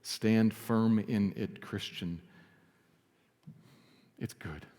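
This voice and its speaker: Low-voiced pastor preaching in a reverberant hall. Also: male voice, steady tone, very slow. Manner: earnest preaching, drops to soft emphasis. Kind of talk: sermon. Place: church sanctuary.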